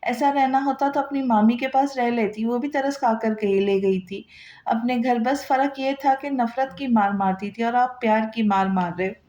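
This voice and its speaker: Romance audiobook: a wounded, bitter young wife, read by a woman, high mellow voice, roomy dull recording. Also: steady tone, normal speed, natural voice. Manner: bitter, sharp.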